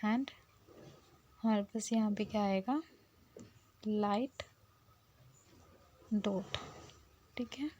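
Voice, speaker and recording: A woman's voice: medium pitch, extremely slow, pauses often, mellow, lo-fi sound, a little hiss or hum. A woman teaching shorthand step by step, patiently repeating herself and sometimes dropping to a near whisper as she writes. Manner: patient, repeats "theek hai" often, drops to a near whisper while writing. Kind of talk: step-by-step lesson, mixing Hindi and English.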